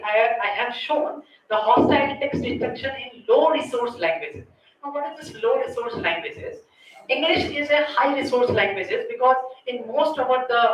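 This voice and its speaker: A woman's voice: on the high side, muffled recording. Indian-accented woman lecturing in an echoey room. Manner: explanatory, often ends points with checking tags like "right?" and "okay". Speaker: conference speaker. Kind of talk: technical lecture with slides. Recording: distant mic, very echoey room, faint noise.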